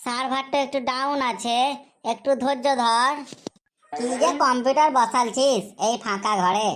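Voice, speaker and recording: A woman's voice: fairly high pitch, fairly even intonation, moderate pace, fairly bright tone, slight background noise, natural voice. A woman playing a fussy male village computer-shop operator, rambling and scolding. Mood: grumbling. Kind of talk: comedy sketch acting.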